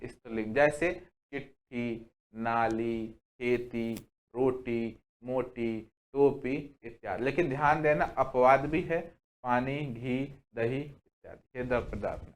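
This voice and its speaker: A young man teaching a Hindi grammar lesson, asking questions and answering them himself, saying "okay" again and again, and listing examples slowly word by word. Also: mid-range voice. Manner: asks the class questions and answers them himself, repeats "ठीक है" often. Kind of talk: exam-prep grammar lesson.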